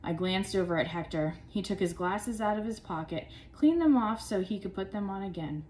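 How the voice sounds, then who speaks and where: Expressive woman reading a storybook. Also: mid-range voice, moderate pace, rough recording. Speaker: parent volunteer and substitute teacher. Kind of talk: reading a children's chapter book aloud.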